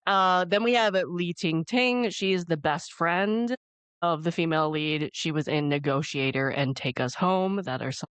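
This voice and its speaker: A woman's voice: lowish voice, moderate pace, clean tone, dry recording. A woman co-hosting a review show in casual chat, talking informally and often correcting herself as she goes. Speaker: co-host of a drama review show.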